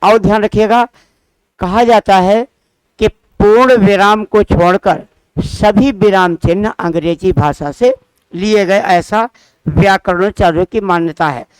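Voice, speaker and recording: A man with a fairly high, smooth and resonant voice teaches grammar to exam students. He speaks slowly and deliberately, repeating each example with careful pauses. The sound is dry and close, with no room echo. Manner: quizzes listeners with questions he answers himself. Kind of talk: Hindi grammar lesson.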